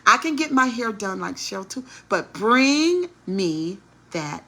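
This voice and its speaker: A brazen, crude woman taunts in a slow, husky, bright voice, as a woman puts her on to mock her. The delivery is drawn out and mocking. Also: medium pitch, very animated, exaggerated voice.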